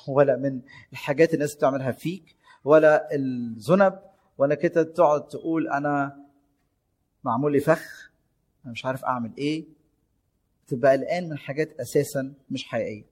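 A man's voice: a little high, darkish tone, breathy edge. A man preaching a sermon in an Egyptian Arabic accent, exhorting listeners with rhetorical questions and shifting emphasis.

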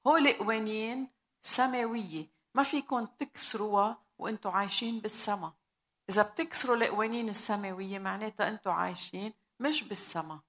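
A woman's voice: medium pitch, fast, fairly bright tone. Lebanese woman preaching a sermon. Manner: mixes Arabic with English words, asks the audience questions.

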